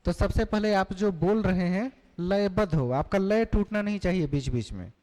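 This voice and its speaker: A man's voice: high-pitched, normal speed, warm tone. A male teacher giving a classroom lecture, explaining terms and putting questions to the class. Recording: long hall reverb.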